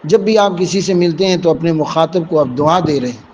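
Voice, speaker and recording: A man's voice: on the high side, darkish tone, dull audio, slight background noise. A man teaching a vocabulary lesson, explaining English words one by one with Urdu and Hindi meanings and calling his listeners dear students.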